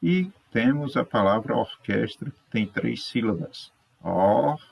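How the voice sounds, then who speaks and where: A Brazilian man teaching a third-grade class, correcting exercises patiently, sounding words out slowly and checking in with his pupils. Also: medium pitch, lively intonation, gravelly, husky. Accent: Brazilian Portuguese. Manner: slow, stretches out words syllable by syllable.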